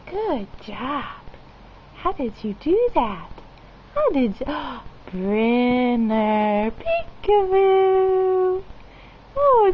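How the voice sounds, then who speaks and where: A woman's voice: high voice, highs cut off, slight background noise. A mother playing peekaboo with her baby, talking in sing-song baby talk with gasps.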